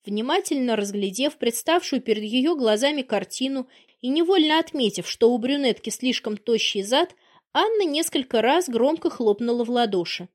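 A female audiobook narrator with a somewhat high voice. She reads the story in an even, steady manner. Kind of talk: scripted narration.

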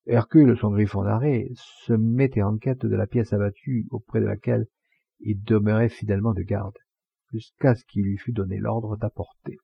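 Gravelly low male audiobook narrator. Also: fairly even intonation, normal speed, no echo, dull audio. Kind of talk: scripted literary narration.

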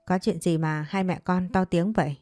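A middle-aged stepfather in a story speaks in a soothing, placating way, voiced by a woman narrator. The tone is low and warm. The recording is dry, with faint music beneath. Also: fairly even intonation, normal speed, no echo, lightly acted. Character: smooth-talking stepfather, man, middle-aged.

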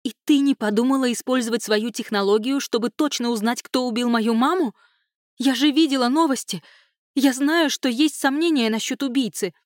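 A raised, strained voice of a grieving young woman hurling accusations through tears, as a woman reading a novel puts her on. The sound is dry and close, with a lifted pitch. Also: normal speed, no echo, lightly acted. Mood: furious, tearful. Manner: shouting, tearful, accusing. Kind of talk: audiobook character voicing.

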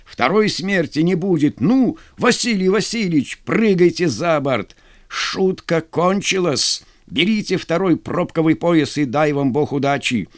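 A man voicing a wounded, fearless young naval lieutenant who shouts commands in an audiobook. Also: on the high side, very animated, unhurried. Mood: defiant. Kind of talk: audiobook character voice.

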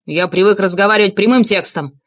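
A woman reading an audiobook, voicing a blustering middle-aged man who tries to sound menacing and gruff. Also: fairly low pitch, moderate pace, no room sound, natural voice. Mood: furious.

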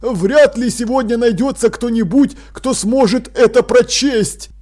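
A man voicing an excitable, bossy old mummy king who talks in loud, eager exclamations, in an audiobook. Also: extremely high pitch, unhurried, voice pushed up. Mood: puzzled.

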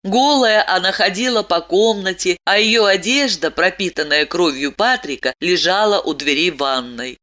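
A woman narrating a dramatic story in an expressive, tense reading. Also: lowish voice, normal speed, hardly any pauses. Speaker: audiobook narrator.

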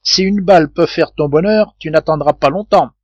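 A man reading an audiobook, voicing a hot-tempered sailor who blusters and curses in a raised, loud voice, in a dull dry recording. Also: moderate pace, dry recording, lightly acted. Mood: indignant. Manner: loud indignant outbursts, raised pitch.

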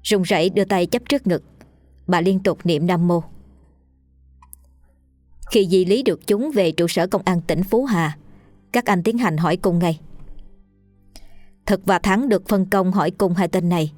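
Low-voiced woman narrating a ghost story. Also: measured pace, pauses often, darkish tone, no echo, faint music behind.

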